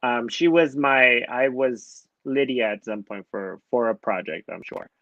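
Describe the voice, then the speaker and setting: A man's voice: medium pitch, unhurried, fairly bright tone, dry recording, dull audio. A man co-hosting a casual reality-TV review, rambling with many restarts and fillers. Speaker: podcast co-host.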